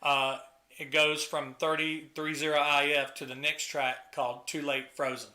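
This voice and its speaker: A man's voice: on the high side, level tone, moderate pace, very noisy. A middle-aged man hosting a casual album review chat, talking enthusiastically and humming riffs and sounds to illustrate the music.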